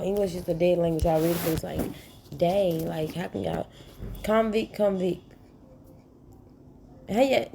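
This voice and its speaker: A woman talks to her viewers in a loose, just-woke-up ramble, yawning through her words and showering them with affection. Her voice is mellow and warm rather than bright. A faint hiss of noise sits under the recording. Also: fairly low pitch. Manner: sleepy, yawning, relaxed and rambling. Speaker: channel host. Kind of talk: casual morning chat to viewers.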